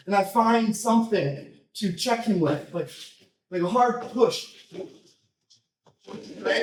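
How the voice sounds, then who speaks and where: A man coaching a jiu-jitsu technique, explaining casually in short, choppy phrases and often checking in with a quick tag question. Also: high-pitched. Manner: informal, choppy phrases with repeated tag "right?". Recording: roomy echo, distant microphone.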